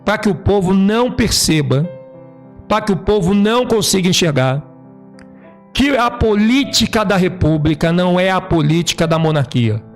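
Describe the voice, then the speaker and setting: A man from Brazil giving a preachy religious commentary monologue. He speaks emphatically, asks rhetorical questions, and slows down to read passages from a book. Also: sits high, animated, soft background music. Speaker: video host.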